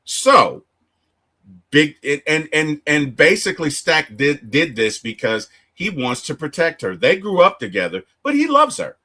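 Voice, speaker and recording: A man hosting a casual movie review chat, retelling the plot with animated storytelling and acting out the characters' lines. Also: on the high side, unhurried. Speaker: movie review podcast host.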